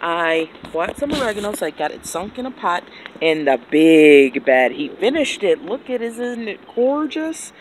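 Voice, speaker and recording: A woman giving a casual, excitable tour of her backyard garden, recorded on a handheld phone outdoors. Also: fairly low pitch, measured pace, poor audio. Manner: chatty, excitable, self-deprecating. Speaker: gardening vlogger. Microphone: handheld phone camera. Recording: outdoor phone audio with background noise.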